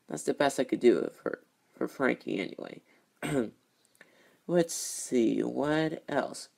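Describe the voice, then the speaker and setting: Halting man with a creaky voice, casual vlog. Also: medium pitch. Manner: halting, repeats phrases, throat-clearing. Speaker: video host, toy train hobbyist.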